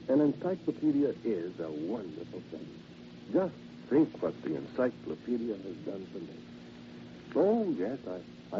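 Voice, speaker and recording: Through muffled, noisy old-time radio, an actor with a lowish voice plays a courteous, theatrical encyclopedia salesman, chatty, genteel, henpecked, with a quietly sinister streak. His one-sided horror monologue sounds smug and affable, delivered in a polite, halting, insinuating way.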